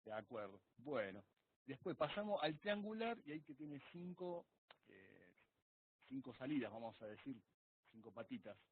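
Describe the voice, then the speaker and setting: A man asks halting questions in an online class. His voice is husky and swings widely in pitch. The sound comes through a tinny video call line. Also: very animated. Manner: hesitant, searching for words. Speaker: student.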